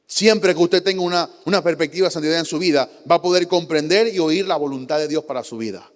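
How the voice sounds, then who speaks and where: A man's voice: a little high, fast. A man, a pastor with a Panamanian Spanish accent, preaching a sermon with rhetorical questions, emphatic repetition and acted-out quotes of churchgoers. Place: church sanctuary. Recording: long church hall reverb.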